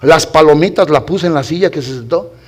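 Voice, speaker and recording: A man's voice: on the high side, a little fast. A male pastor preaching a sermon with fervor. He fires rhetorical questions at the congregation and calls them brothers. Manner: fervent preaching with rhetorical questions and rising shouts.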